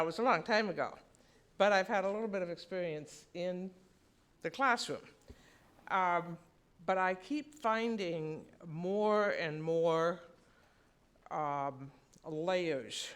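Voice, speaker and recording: Middle-aged lady at a school board podium, restarts a lot, talks plainly. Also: lowish voice. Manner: halting and conversational, with many restarts. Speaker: public commenter at a school board meeting. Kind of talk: public comment speech. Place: school board meeting room.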